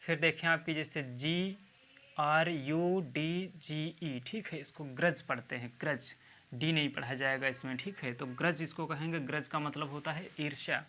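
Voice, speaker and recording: A man's voice: on the high side, fairly even intonation, normal speed, sharp tone. A man giving a video lecture on English spelling, spelling words out letter by letter and checking in with "theek hai" after each point. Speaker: English teacher.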